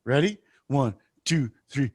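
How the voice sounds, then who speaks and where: A man's voice: medium pitch, expressive, slow pace, darkish tone, slightly rough. A man co-hosting a casual podcast over a remote call, joking, laughing often and putting on mock voices. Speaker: podcast co-host. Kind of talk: casual banter. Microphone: headphones, remote call.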